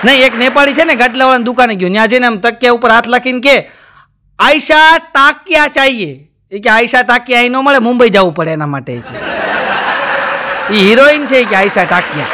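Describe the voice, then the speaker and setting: A stand-up comedian from Gujarat, India, with a Gujarati accent and an extremely high voice, tells jokes quickly and chattily on stage, often addressing the audience as "sir." Crowd noise fills the noisy background.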